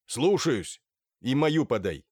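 A man's voice: mid-range voice, very animated, slow pace, a little mellow, no echo, studio quality, pitched above the performer's own voice. A man voicing an eager, obliging doorman in an audiobook. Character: eager servile male doorman.

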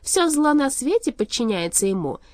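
A woman reading a storybook aloud, voicing a cold, gloating male shadow king who speaks slowly, loudly and lordly. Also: fairly high pitch, sing-song, no echo, pitched above the performer's own voice. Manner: slow, loud, lordly.

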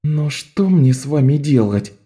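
A man voicing a bossy, sharp-tongued young girl thief who leads a gang of boys, scolding and commanding. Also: a little high, animated, a little slow, pitched above the performer's own voice. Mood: exasperated.

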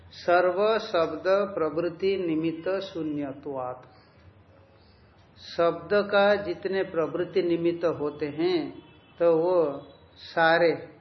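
A man giving a scriptural commentary lecture as a spiritual teacher, reading the text line by line and explaining it by asking questions and answering them with everyday examples. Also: on the high side. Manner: reads and corrects a text line by line with students. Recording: echoey, dull lo-fi room recording.

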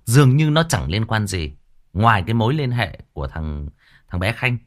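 A man with a low, deep voice talks loosely to his livestream audience about a story. His pitch swings up and down a lot as he goes, and he keeps stumbling over repeated words before he finds the one he wants. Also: sing-song, normal speed. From Vietnam. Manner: rambling, repeats words often. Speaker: audiobook narrator and channel host. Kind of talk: casual livestream commentary.

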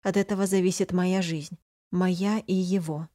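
A woman's voice: fairly low pitch, steady tone, normal speed, warm tone, lightly acted. A woman voicing a frightened young mother who pleads and protests emotionally in an audiobook. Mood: resigned. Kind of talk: audiobook character reading.

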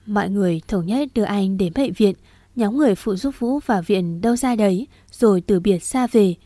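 A woman narrating a story as an audiobook in an even, steady manner. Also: medium pitch, a little fast, no room sound.

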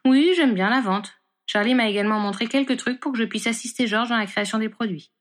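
A woman's voice: a little high, fast, close to an everyday voice. A woman voicing a touchy, defensive young man in a storybook reading. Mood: matter-of-fact.

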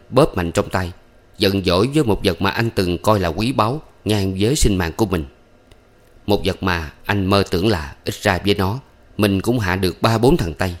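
A man tells a story in a steady, measured way. His voice sits low for a man. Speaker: narrator.

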